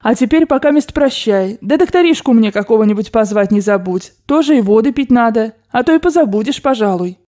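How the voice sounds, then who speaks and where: Storybook part: woman reader doing a domineering elderly grandmother, blunt commands, pitched up, soft dark tone. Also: lively intonation, a little fast, few pauses, close to an everyday voice. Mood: bossy. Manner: commanding, brusque and loud. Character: imperious rich old grandmother, bossy and blunt. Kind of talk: audiobook character voice.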